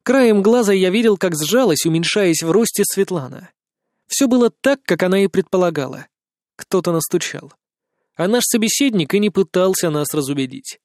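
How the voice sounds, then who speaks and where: A man narrating a first-person audiobook in an expressive, dramatic storytelling manner. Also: sits high, moderate pace, no room sound, studio quality.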